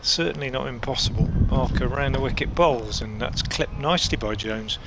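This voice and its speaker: A man working as a cricket commentator, calling play ball by ball in a measured way with pauses mid-sentence. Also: medium pitch, creaky. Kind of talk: live cricket commentary with unhurried ball-by-ball description. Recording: outdoor ambient noise behind voice.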